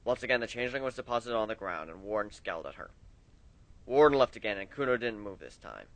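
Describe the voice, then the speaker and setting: A man reading fan fiction aloud, expressive, his loudness rising and falling with the story. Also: on the low side, quick pace, rough recording.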